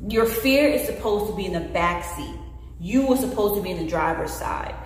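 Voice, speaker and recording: A woman's voice: mid-range voice, moderate pace, a little hiss or hum. A woman in her late twenties talks candidly and earnestly to the camera in a personal vlog, gesturing as she speaks. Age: late 20s. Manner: earnest, expressive, gestures with hands while talking. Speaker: vlogger. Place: bare indoor room. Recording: very echoey room with long reverb.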